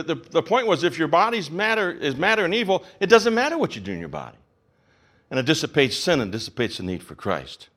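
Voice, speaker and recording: A pastor teaching a sermon, asking rhetorical questions and repeating phrases for emphasis. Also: male voice, a little high, a bit bright.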